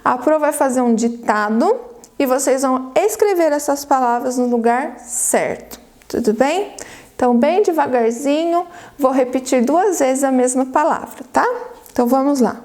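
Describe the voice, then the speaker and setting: A Brazilian Portuguese woman teaching a primary school class on video, dictating words slowly and cheering the children on. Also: sits high, a little mellow. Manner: slow, drawn-out word dictation with encouraging prompts. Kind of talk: recorded video lesson for children.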